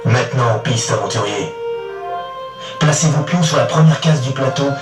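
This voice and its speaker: A man's voice: medium pitch, normal speed, lightly acted. Solemn male oracle guardian, played by an actor, board game audio: prophetic trance delivery, heavy echo over music. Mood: solemn, portentous. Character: solemn male oracle, mysterious guardian of a lost island temple. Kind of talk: scripted board game CD narration. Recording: very echoey, distant, music behind. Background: clear music.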